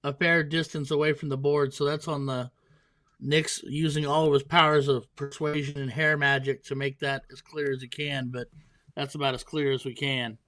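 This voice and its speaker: A man commentates live on a darts match in a casual, conversational way. His voice sits a little higher than most men's. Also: little pitch movement, normal speed, fairly bright tone.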